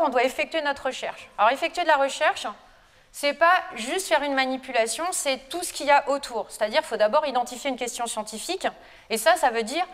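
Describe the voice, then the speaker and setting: French woman lecturing in a reverberant hall. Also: high-pitched. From France. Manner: chatty, informal, frequent hesitations. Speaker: lecturer and researcher. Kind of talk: conference talk to students.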